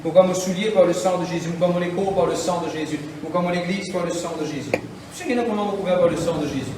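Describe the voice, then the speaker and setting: A man preaching a sermon as pastor, with impassioned, repetitive phrasing and shouted bursts. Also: sits high, fast talker, background noise. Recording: echoey hall, mic from far off.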